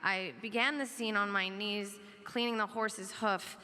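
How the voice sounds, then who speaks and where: A woman actor on a convention panel, telling a candid story at a brisk pace. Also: mid-range voice, steady tone, bright, forceful tone, clear, resonant tone. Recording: hall reverb.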